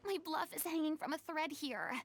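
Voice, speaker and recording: Very high voice, proud theatrical ex-goddess, blustering, game dub. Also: female voice, animated, normal speed, a crowd in the background. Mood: flustered. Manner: dramatic, flustered bluster.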